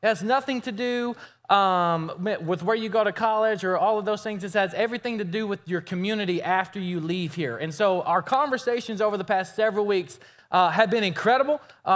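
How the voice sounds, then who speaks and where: Man, 30s, youth pastor, high-pitched and pumped, addressing a teen crowd. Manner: energetic, hyped, teasing.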